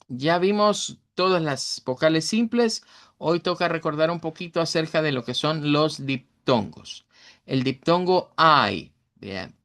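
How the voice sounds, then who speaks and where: In a recorded online class, a middle-aged male English teacher with a Central American Spanish accent explains vowel sounds, using fillers and correcting himself along the way. His voice is fairly high and fairly bright.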